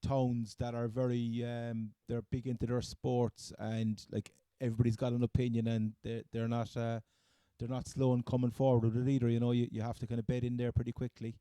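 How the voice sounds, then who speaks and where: A man with a Cork accent in casual sports discussion as a co-host, speaking haltingly with hesitant phrasing. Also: mid-range voice, flat delivery, warm tone, clear, resonant tone, dry recording. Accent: Cork, Irish.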